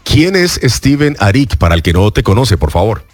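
A man hosting a radio interview, asking his questions in a formal, measured way. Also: lowish voice, very animated, no room sound, soft background music. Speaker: radio host.

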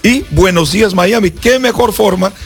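A Brazilian pastor whose native language is Portuguese shares a heartfelt personal testimony in Spanish as a radio interview guest. His voice is high and creaky, at a normal speed, with soft music underneath. He tells the story earnestly, acting out the voices of people in it.

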